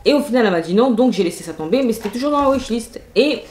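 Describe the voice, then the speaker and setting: Fast-talking and a little mellow, this woman has a fairly high voice with lively intonation. She's a beauty vlogger excitedly going through a makeup and clothes haul in a casual chat video, sprinkling in fillers and asides. The room is echoey and there's faint background noise.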